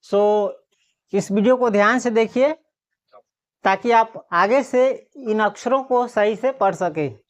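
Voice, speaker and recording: A woman teacher giving a classroom lesson on reading Hindi letters. She sounds out letters slowly one by one, then quizzes the class and answers herself. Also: fairly high pitch. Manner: drills by asking questions and answering them herself. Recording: dull lo-fi recording.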